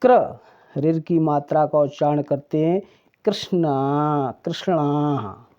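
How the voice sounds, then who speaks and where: A teacher giving an alphabet lesson, pronouncing each sound in a deliberate, drawn-out way. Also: mid-range voice, mellow. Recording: dull lo-fi recording.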